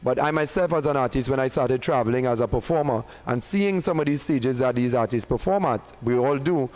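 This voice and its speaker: A man's voice: medium pitch, a little mellow, rough recording. A man with a Trinidadian accent presenting at a press conference. He is a performing artist who builds up each reveal with emphasis and banters with the room.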